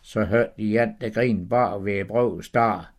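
An older man telling a Bible story in a folksy, lively way, dropping his voice on asides. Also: lowish voice.

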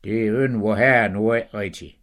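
An older man telling a Bible story in a folksy, lively way, dropping his voice on asides. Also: lowish voice.

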